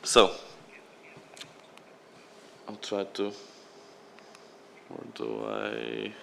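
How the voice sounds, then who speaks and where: Guy presenting at a conference, kinda low voice, loose and unscripted. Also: big pitch swings, drawn-out words, creaky, pushed and bright, slight background noise. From Latvia. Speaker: program representative at a conference.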